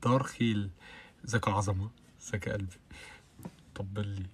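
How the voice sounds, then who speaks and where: A young man with an Egyptian Arabic accent, hosting a casual live stream, chatting with viewers and answering their comments, with bursts of loud laughter. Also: steady tone, slightly rough. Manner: rapid chatty talk with frequent oaths and bursts of loud high laughter.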